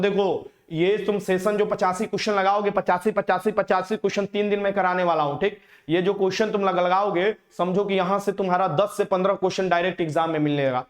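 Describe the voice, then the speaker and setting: Guy running a live quiz class, high voice, keeps repeating stuff and teasing. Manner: teasing, repeats questions, mixes in English words. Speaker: exam coaching teacher. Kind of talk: live online quiz lesson.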